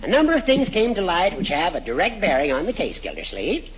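An actor playing a fussy, wordy old judge with a high, husky voice in a 1940s radio comedy. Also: male voice, huge pitch swings, fairly quick, slight background noise. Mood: fussy, needling. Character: wordy, fussy old male judge, good-humoured needler. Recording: dull 1940s radio recording.

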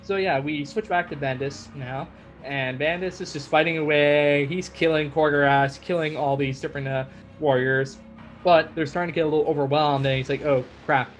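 A man's voice: fairly high pitch, steady tone, normal speed, faint music behind. A man hosting a podcast and recapping a story in a casual, chatty way with many fillers. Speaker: podcast host.

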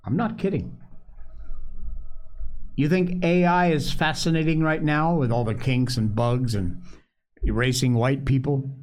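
Slow, emphatic male commentator. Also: mid-range voice, steady tone, darkish tone. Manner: emphatic, dramatic pauses, addresses listeners as friends. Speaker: show host. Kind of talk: opinionated news commentary to the audience.

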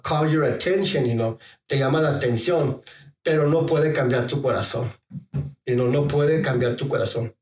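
A middle-aged male preacher who speaks in a halting way and keeps repeating a filler phrase. His voice sits a little high for a man. It sounds far from the mic, in an echoey room. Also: darkish tone. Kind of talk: sermon.

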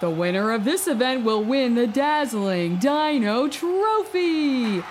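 A woman's voice: fairly high pitch, big pitch swings, takes it slowly, a little mellow, slight background noise. A woman narrating a children's story as an exclamatory, theatrical sports announcer. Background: music.

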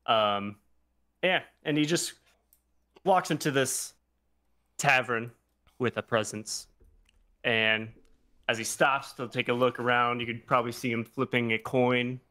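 A man at a tabletop game table, describing the look of his character. His voice is bright and forward. He talks in a playful way, laughing often. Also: medium pitch, measured pace, long pauses. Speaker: player.

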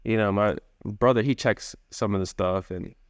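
A man's voice: on the low side, steady tone, normal speed, no room sound, clean studio sound. A man being interviewed as a guest, talking in a casual, chatty way with lots of "you know" and "man". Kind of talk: casual conversation.

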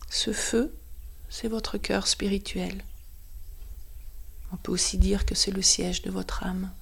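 Soft soothing lady doing guided meditation, almost whispering, breathy n a bit crackly, stays really even. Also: medium pitch, takes it slowly. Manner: soothing, hushed, breathy delivery, often near a whisper.

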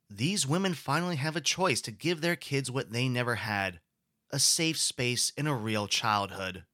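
A man's voice: mid-range voice, sharp tone, no room sound, studio quality. A man giving a recorded history lecture in an explanatory way, posing rhetorical questions to the class.

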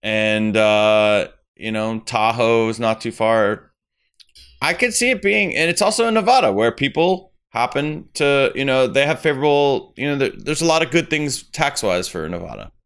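A man's voice: medium pitch, expressive, normal speed, a bit bright, clear, resonant tone. A man co-hosting a podcast in casual chat, rambling and often correcting himself. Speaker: podcast co-host.

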